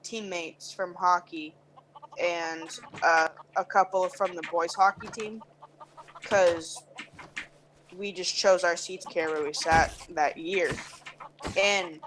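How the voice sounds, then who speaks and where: Rambling young woman telling a story on a noisy voice chat. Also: fairly low pitch. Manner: rambling, filler-heavy, self-correcting. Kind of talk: casual storytelling over game chat. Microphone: headset mic on the shoulder. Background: chickens clucking.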